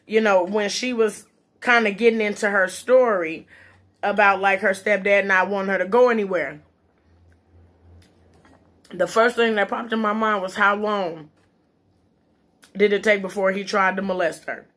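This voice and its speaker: A woman's voice: mid-range voice, steady tone, normal speed, pauses often, fairly bright tone. Blunt woman chatting casually over food. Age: adult, parent. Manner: blunt, opinionated, emphatic, swears freely; eating while talking, mouth sometimes full. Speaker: vlogger giving relationship and parenting opinions. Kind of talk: casual chit-chat monologue.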